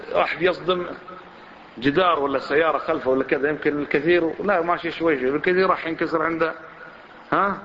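A man teaching a religious lesson, speaking colloquially and questioning his listeners directly. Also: a little high. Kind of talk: religious lesson to a seated audience. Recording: dull lo-fi recording with faint noise.

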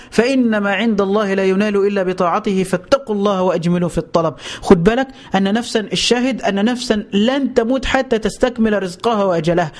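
Fast, high-voiced Egyptian preacher. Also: male voice. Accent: Egyptian Arabic. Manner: pleading, urgent, addresses listeners directly. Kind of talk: colloquial religious lesson.

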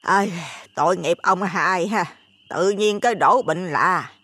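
A man voicing a nosy, superstitious old village woman with a Southern Vietnamese accent, loud and chattering. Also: high-pitched, takes it slowly, no echo, pitched above the performer's own voice, full character voice. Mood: hushed gossip.

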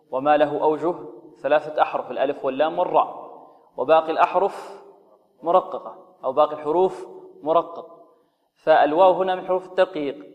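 A man teaching Quran recitation rules, explaining slowly, asking rhetorical questions and modeling recited examples. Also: a little high, big-room sound, dull audio. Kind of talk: tajweed lesson with recited examples.

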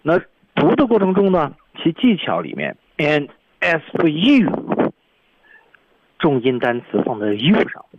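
A man's voice: mid-range voice, huge pitch swings, moderate pace, highs cut off, a little hiss or hum. A man teaching English on a radio lesson, breaking down each English line by its stressed words and tones. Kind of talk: explaining film dialogue on a radio lesson. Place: radio studio.

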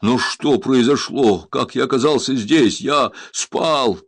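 A man's voice: medium pitch, slow pace, slightly rough, no echo, voice pushed up. A man voicing a grateful young Indian man just freed, speaking fervently in a storybook reading. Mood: bewildered. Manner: fervent, exclaiming.

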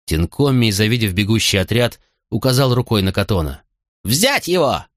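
A man narrates an audiobook in a steady, measured way. His voice sits low, and the close recording is dry and free of room sound. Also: dry recording. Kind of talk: scripted narration.

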